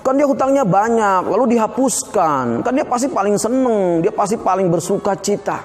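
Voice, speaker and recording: A man's voice: high-pitched, lively intonation, moderate pace. Guy doing simon the polite host, keen and friendly, hall echo. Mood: eager polite. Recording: long hall reverb.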